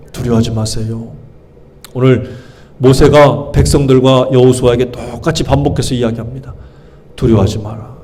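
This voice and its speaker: A man preaching a sermon as pastor, emphatic and swinging between loud exclamations and hushed pleas. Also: mid-range voice.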